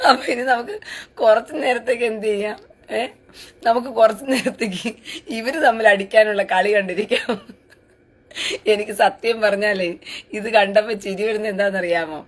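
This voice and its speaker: A woman's voice: mid-range voice, steady tone, normal speed, pauses often. A woman hosting a live-stream commentary. She reads out viewer comments and answers them in a taunting, sarcastic, crude way.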